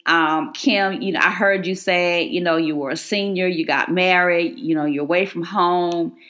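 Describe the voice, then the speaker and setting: A woman's voice: on the low side, fairly even intonation, normal speed. A woman hosting a podcast, interviewing a couple in an encouraging way. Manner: encouraging, warm questioner. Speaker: podcast host.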